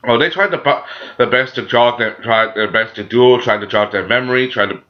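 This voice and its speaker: A man with a sore throat gives a casual, unscripted review as a channel host, halting and often repeating himself with frequent filler phrases. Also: medium pitch. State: sore throat, a little sick. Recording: dull, muffled lo-fi audio.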